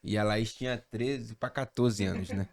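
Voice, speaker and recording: A pastor from Rio de Janeiro, Brazil, appears as a podcast guest and tells a story in a casual chat. He's an animated storyteller using relaxed slang, speaking at a normal speed in a lowish voice with vocal fry.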